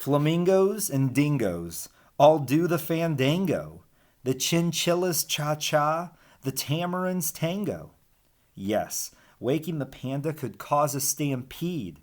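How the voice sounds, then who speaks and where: This man's voice is on the high side and his pace is slow as he reads a picture book to a class of young children. He's an elementary school teacher, giving the rhymes an expressive reading and chatting casually with the kids between lines.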